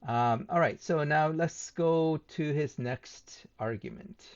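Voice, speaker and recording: A man hosting his own channel, rebutting a debate opponent point by point in a measured way, with frequent ums and uhs. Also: a little high, lo-fi sound. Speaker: channel host responding to a debate.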